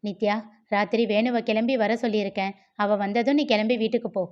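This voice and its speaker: A woman voicing a soft-spoken, worried husband in a read-aloud novel, calm and reassuring, on a slightly dull recording. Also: medium pitch, fast, smooth, close to an everyday voice.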